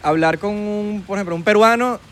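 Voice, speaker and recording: A man's voice: sits high, a little fast, a little hiss or hum. A man with a Venezuelan accent hosting a podcast, chatting casually and playfully, joking around. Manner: playful, animated, jokes in mock accents. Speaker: podcast host. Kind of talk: casual chat.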